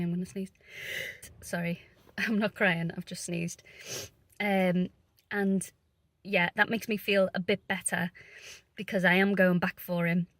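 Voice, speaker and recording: A tired young woman vlogging about her day as a stay-at-home mum. She rambles in a casual, chatty way and fills her pauses with ums. She sounds worn out and run down. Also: lowish voice. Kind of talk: casual vlog chat.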